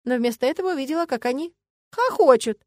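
A woman's voice: high voice, lively intonation, fast talker, a little mellow, no room sound. A woman narrating a first-person fantasy audiobook on a close studio mic.

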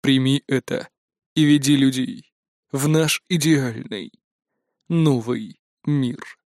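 A man's voice: darkish tone, no echo, clean studio sound. A man doing a weary, cold AI. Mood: solemn. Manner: slow, low and tired. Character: weary disillusioned male AI, cold and resigned.

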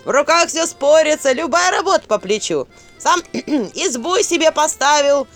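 A woman voicing a brash, lively village matchmaker aunt who praises loudly in a drawn-out, sing-song way. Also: on the high side, faint music behind, pitched above the performer's own voice. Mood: boastful.

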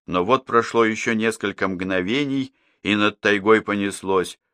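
A man narrating an audiobook in a steady, measured reading. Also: fairly low pitch, clean tone, no echo. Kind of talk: scripted narration.

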